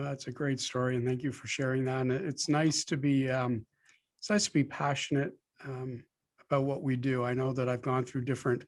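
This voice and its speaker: A man hosting a podcast, asking conversational questions with some hesitation. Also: mid-range voice. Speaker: podcast host. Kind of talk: interview questions.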